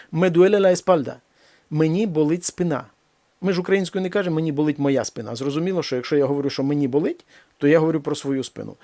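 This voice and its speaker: Gravelly man teaching a slow lesson. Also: fairly high pitch, dark tone, no room sound. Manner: slow, deliberate reading of examples, then explains. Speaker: Spanish teacher. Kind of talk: language lesson.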